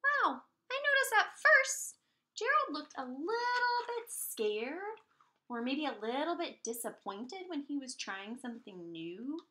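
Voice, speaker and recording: Here a high-voiced woman, a preschool teacher, brings a picture book to life as she reads it aloud encouragingly. She breaks off at times to ask the young kids questions and explain things plainly.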